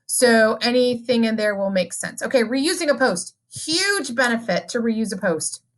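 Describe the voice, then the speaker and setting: A middle-aged woman giving a chatty, upbeat software tutorial, with playful sarcasm and sudden high squeals. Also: expressive, normal speed. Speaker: teacher trainer. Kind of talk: screen-share tutorial.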